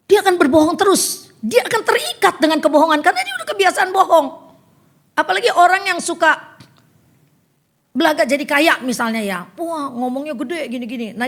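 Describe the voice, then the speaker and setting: A woman's voice: high voice, a bit bright. An older woman preaching a sermon in a chatty storytelling way, acting out the conversations she tells.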